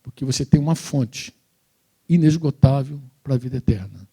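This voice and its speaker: A man with a Brazilian Portuguese accent preaching a sermon in a church, telling his story in an animated, slangy, informal way. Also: medium pitch, normal speed, husky. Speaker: pastor.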